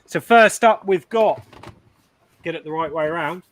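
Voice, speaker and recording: A man's voice: fairly high pitch, normal speed. A man presenting items on a live stream, casual and easygoing. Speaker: guest trader. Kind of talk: casual livestream chat.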